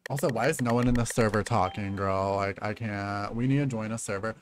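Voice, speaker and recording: A man's voice: brisk, slight background noise. A man in his late thirties streaming a game, sassy and dramatic, calling everyone girl. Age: late 30s. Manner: swings between low mutters and high squeals. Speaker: gaming streamer. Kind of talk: casual game commentary.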